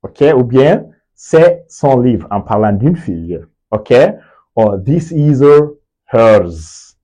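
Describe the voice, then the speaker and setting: Male teacher, husky voice, lively intonation, slow drilled repetition, video lesson. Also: mid-range voice, rough recording. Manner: slow drilled repetition, frequent check-ins. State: sweaty, just came from the sports field. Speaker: English teacher. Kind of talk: video lesson, explaining in French with English examples.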